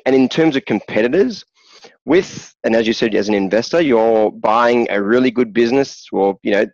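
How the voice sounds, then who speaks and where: Low-voiced man on a dull line. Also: no room sound. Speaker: guest day trader. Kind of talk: casual interview chat.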